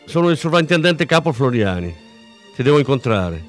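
A man's voice: medium pitch, very animated, moderate pace, faint music behind, natural voice. A man reading aloud, voicing a brusque, no-nonsense senior policeman.

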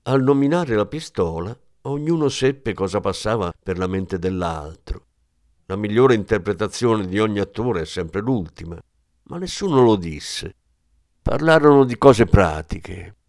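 A man narrating a crime novel aloud in a steady, measured reading voice. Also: lowish voice, dry recording, clean studio sound. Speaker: audiobook narrator. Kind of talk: scripted narration.

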